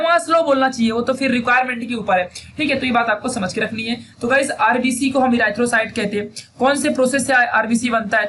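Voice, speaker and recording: A man's voice: very high-pitched, pushed and bright. A young man teaching biology, asking questions and answering them himself, saying "theek hai" again and again. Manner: quizzes students and answers himself, repeats key terms. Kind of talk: fast-paced classroom lecture. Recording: faint background noise.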